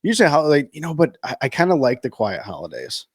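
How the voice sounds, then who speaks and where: Wry podcast co-host with a dry sound. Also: male voice, on the high side, huge pitch swings, fast talker, slightly rough, dry recording. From Ohio. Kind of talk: casual chat.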